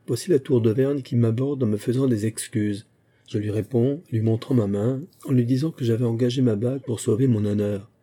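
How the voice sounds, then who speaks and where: A man narrating a first-person memoir as a literary audiobook, in a measured, even storytelling manner. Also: on the low side, breathy edge.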